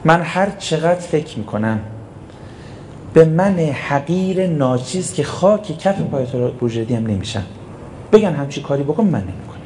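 A man who is a cleric delivers an emphatic sermon, posing rhetorical questions and answering them himself. He preaches like a storyteller, acting out short quotes in a fairly high, sing-song voice with a darkish tone. There is slight background noise.

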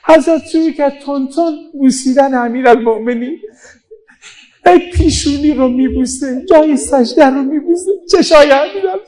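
A man preaches a mourning sermon in a very high voice, his words breaking with weeping. He slows into chanted passages between plain storytelling. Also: warm tone, poor audio.

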